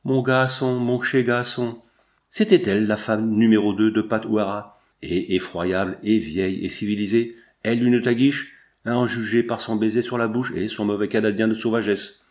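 A man narrating a classic adventure novel aloud in a measured, expressive storytelling manner. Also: on the low side. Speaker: audiobook narrator. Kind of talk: scripted literary narration.

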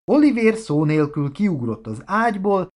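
A man reading a children's storybook aloud as narrator, animated and expressive. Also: medium pitch. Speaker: audiobook narrator.

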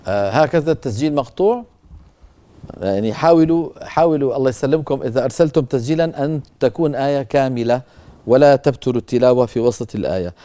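Mellow, smooth-voiced recitation teacher. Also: male voice, medium pitch. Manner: patient, corrective, demonstrates sounds slowly. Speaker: recitation teacher and show host. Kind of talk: teaching recitation on a call-in broadcast.

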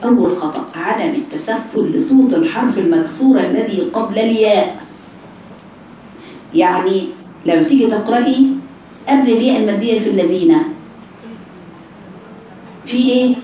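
A woman's voice: medium pitch, normal speed, pauses often, warm tone, slight background noise. A woman with an Egyptian Arabic accent teaching Quran recitation to a class of girls, repeating sounds over and over and quizzing her students. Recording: echoey room, voice far from the mic.

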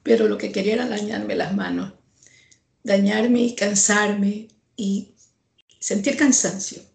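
A woman's voice: mid-range voice, expressive, unhurried, gravelly, a little mellow. A woman painter answering an interview, talking earnestly and reflectively, repeating herself for emphasis. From Ecuador. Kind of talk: conversational interview. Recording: echoey room.

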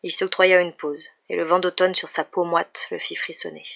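A woman reading a novel aloud in a steady, even manner, in a dull lo-fi recording. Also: on the low side, moderate pace, vocal fry. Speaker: reader.

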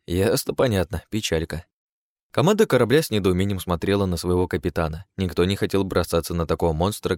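A man's voice: sits low, a little mellow, dry recording. A man narrating a first-person fantasy audiobook, with wry, sardonic asides.

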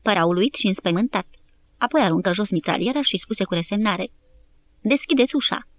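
Woman narrating a war audiobook, steady measured reading, mid pitch. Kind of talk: scripted narration.

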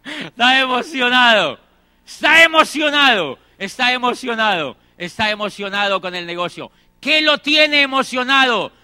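A middle-aged man delivers a motivational talk in a very high, piercingly bright voice. He acts out both sides of conversations and repeats phrases for emphasis. The sound is dry and close. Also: animated, moderate pace, no echo. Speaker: motivational speaker. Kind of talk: motivational talk with acted anecdotes.

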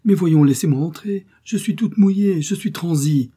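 A man doing a young woman, teasing, pleading, raised, breathy tone. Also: fairly high pitch, normal speed, dark tone, pitched above the performer's own voice. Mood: coaxing. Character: charming young woman, playful temptress.

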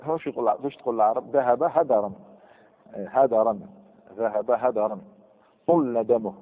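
A man's voice: mid-range voice, moderate pace. Guy teaching grammar to a class, asks questions, repeats words, tinny sound in a big echoey hall. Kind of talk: classroom lecture. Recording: phone-like sound with long hall reverb.

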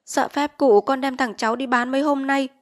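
A woman's voice: sits high, steady tone, a little fast, pitched above the performer's own voice, close to an everyday voice. A woman voicing a desperate poor peasant mother in an audiobook reading, pleading and lamenting through tears.

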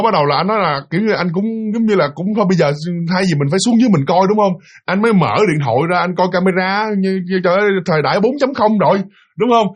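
Man, high voice, husky, quick casual ghost-story retelling, animated. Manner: animated, fast, with many restarts and hesitations.

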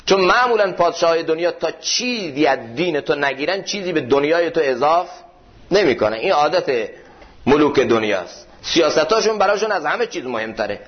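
A male preacher gives a sermon in a mosque, pressing his points with emphatic runs of parallel phrases. His voice sits a little high for a man. The recording sounds dull and muffled. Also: big pitch swings. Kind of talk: sermon commentary on classical poetry.

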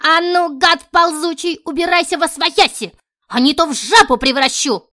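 A woman voicing a grumpy, sharp-tongued old village witch in a storybook, scolding in a high, loud voice. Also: big pitch swings, unhurried, dry recording, clean studio sound, heavily acted. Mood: threatening. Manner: scolding, shrill. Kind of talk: storybook character voice.

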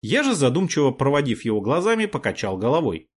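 Husky man narrating an audiobook. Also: medium pitch, fast. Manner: wry, expressive storytelling. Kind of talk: first-person audiobook narration.

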